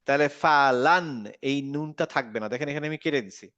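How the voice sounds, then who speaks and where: A man's voice: medium pitch, fast, smooth, no room sound, highs cut off. A man teaching a Quran recitation lesson, patiently repeating words and checking that his student follows. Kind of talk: online tajweed lesson.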